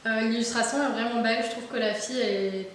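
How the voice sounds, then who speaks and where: A woman's voice: on the high side, steady tone, a little fast. A young woman chatting casually about books, full of fillers, restarts and enthusiasm. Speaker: book vlogger. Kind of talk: casual book haul chat. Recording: very echoey room with faint hiss.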